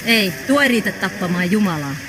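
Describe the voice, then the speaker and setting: A middle-aged woman dubbing the composed female leader of an ironworks town, calm and commanding. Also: medium pitch, heavy background noise, lightly acted. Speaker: dub actor. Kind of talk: film dubbing.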